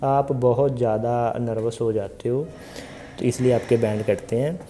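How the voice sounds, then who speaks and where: Dark-voiced chatty male IELTS coach. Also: mid-range voice, fairly even intonation, measured pace, slight background noise. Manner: chatty, addresses viewers directly with rhetorical questions. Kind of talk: casual Hindi tutorial monologue.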